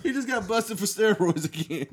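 A man's voice: high voice, animated, moderate pace, a little hiss or hum. A man co-hosting a casual podcast, talking in slang and arguing his points by repeating them. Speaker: podcast co-host.

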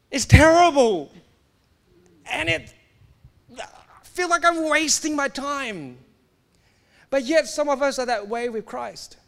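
A young man from Singapore delivers a sermon in a high, light voice. He talks with emphatic energy, often stumbling and repeating words before pushing on. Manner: animated, emphatic, with stumbles and restarts. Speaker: preacher.

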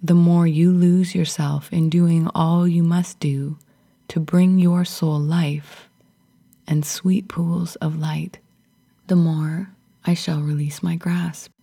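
A woman voicing the tender spirit of fear, speaking in a soft, loving whisper. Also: lowish voice, level tone, slow pace, vocal fry, husky, heavily acted.

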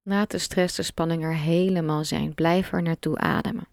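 A woman guiding a relaxation meditation, giving slow, calm, soft instructions with long pauses. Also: low voice, vocal fry, no room sound, clean studio sound. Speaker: meditation guide.

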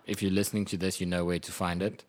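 A man's voice: low-pitched, level tone, quick pace. A man co-hosting a casual podcast over beers, laid-back, with short dry replies. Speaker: podcast co-host.

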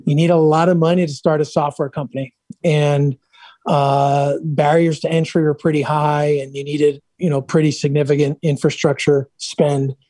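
A middle-aged man in a relaxed interview, chatty and upbeat as he tells stories, often restarting his sentences. His voice sits a little high for a man, and the sound is close and dry with no room echo. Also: moderate pace. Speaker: guest, software entrepreneur. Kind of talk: casual interview storytelling.

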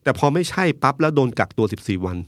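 Lively fast-talking male political commentator. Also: medium pitch, no room sound, studio quality. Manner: animated, argumentative, uses vivid analogies. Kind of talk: political talk show discussion.

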